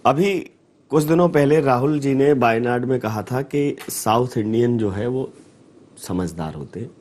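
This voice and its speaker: A man's voice: medium pitch, unhurried, darkish tone. A male interviewer with an ordinary mid-range voice. He puts accusations to his guest in a probing, insistent way. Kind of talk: political interview.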